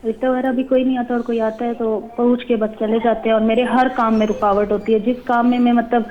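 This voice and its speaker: A woman's voice: a little high, level tone. A woman in her twenties calling in hesitantly to ask for advice. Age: 20s. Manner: hesitant, uses fillers. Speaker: caller. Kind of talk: phone-in question. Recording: tinny phone line with faint hiss.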